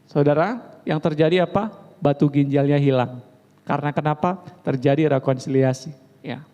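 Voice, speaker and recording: A male preacher tells stories in an animated sermon, turning often to the congregation. His voice sits fairly high. Every phrase trails a long echo from the church hall. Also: normal speed, dull audio. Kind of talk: storytelling sermon. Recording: reverberant hall.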